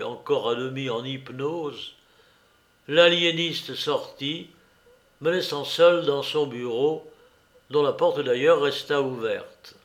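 A man narrating a story aloud in a slow, measured, storytelling manner. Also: mid-range voice. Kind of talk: audiobook narration.

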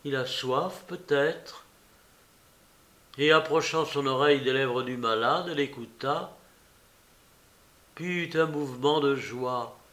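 A man reading a classic novel aloud as audiobook narration, slow and deliberate. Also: mid-range voice, bright, forceful tone. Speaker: audiobook reader.

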